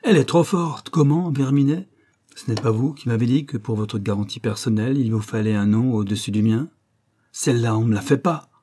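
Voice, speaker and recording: Un homme lisant un livre audio prête sa voix à un jeune homme naïf et affolé, qui bredouille des protestations aiguës. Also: male voice, a little fast, warm tone, a little hiss or hum, close to an everyday voice. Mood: indignant. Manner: stammering, shrill protests. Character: young man, flustered, panicky dupe.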